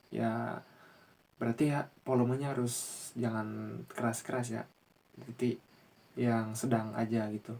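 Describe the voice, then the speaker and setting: A man's voice: mid-range voice, darkish tone. A young man talks through a class presentation with little rise and fall in his voice. His delivery is casual and explanatory, full of fillers and restarts. He is recorded indoors on a camera microphone. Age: young adult. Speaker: university student presenter.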